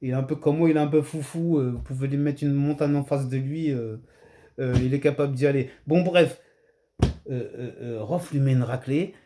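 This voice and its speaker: A middle-aged man of Comorian heritage casually telling a story to his channel's viewers, swinging between low asides and high excited exclamations. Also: moderate pace. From Comorian heritage, France. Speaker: channel host.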